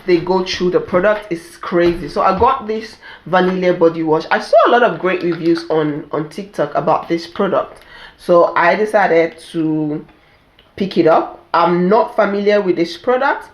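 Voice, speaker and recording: A woman's voice: lowish voice, normal speed. A middle-aged woman with a stuffed-up, nasal voice from an allergy, chatting casually through an unboxing vlog and repeating her points for emphasis. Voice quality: congested, nasal. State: stuffed-up nose from an allergic reaction. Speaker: beauty and self-care vlogger. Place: indoor room at home. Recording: echoey room.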